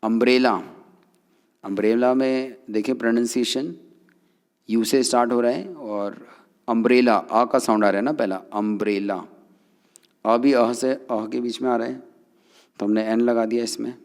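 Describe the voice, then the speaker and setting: A man's voice: mid-range voice, fairly even intonation, normal speed, pauses often, darkish tone, in a large hall. A man teaching English grammar to Hindi speakers, explaining step by step and often checking understanding.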